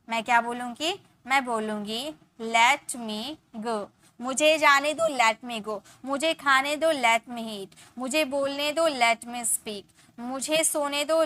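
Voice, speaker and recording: Woman, Indian English accent, young adult, English teacher, high bright voice, explains step by step, repeats example sentences. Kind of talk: spoken English lesson.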